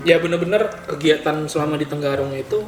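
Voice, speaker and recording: The host is a man with a slightly high voice and a quick pace, eating as he chats and occasionally speaking with his mouth full. It's a casual conversation over food, and the echoey room carries music in the background.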